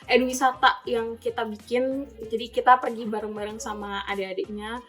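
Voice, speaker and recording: A nineteen-year-old university student speaks casually in a slightly high voice. She answers the interview questions plainly, with occasional fillers. Faint music runs behind her. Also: flat delivery, normal speed, fairly bright tone.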